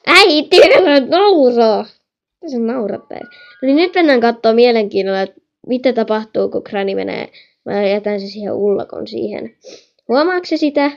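A woman's voice: on the high side, creaky, dull audio. Chatty young woman commenting on a game. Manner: chatty, excitable, giggly. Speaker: gaming channel host.

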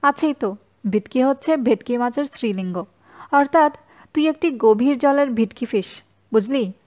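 A woman's voice: a little high, moderate pace, darkish tone, lightly acted. A woman voicing a cheerful young woman who teases playfully in mock-formal banter. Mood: teasing.

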